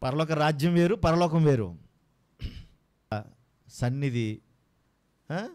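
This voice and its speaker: A man's voice: fairly high pitch, lively intonation, slow pace, darkish tone. A man preaching a sermon with passion, firing rhetorical questions at his congregation.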